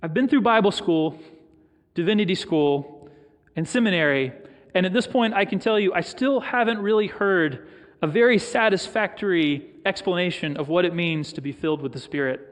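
A middle-aged man delivers a sermon, shifting into personal stories with thoughtful pauses. His voice sits fairly high for a man. The sound carries the long reverb of a large church sanctuary. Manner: storytelling, reflective, with pauses for emphasis. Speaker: pastor.

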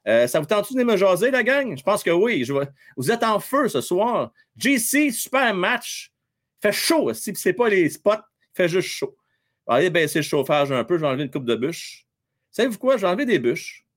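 A man with a Québécois accent hosting a hockey livestream from home, excitable and joking, shouting and swearing at big plays. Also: high voice, normal speed. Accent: Québécois French. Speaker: fan livestream host. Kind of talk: excited live hockey commentary.

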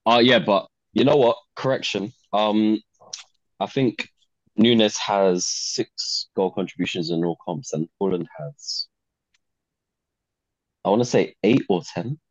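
A man's voice: fairly low pitch, slow, no room sound, dull audio. A man with a London roadman accent bantering casually about football in slang, putting questions to the others. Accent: London, urban slang (roadman). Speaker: football podcast co-host.

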